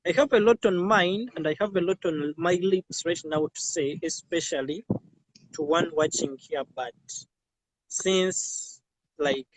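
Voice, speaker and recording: A transgender woman gives a halting, pleading testimony as a refugee guest, her voice jumping loud on key words. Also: low voice, dry recording, poor audio. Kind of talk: emotional testimony.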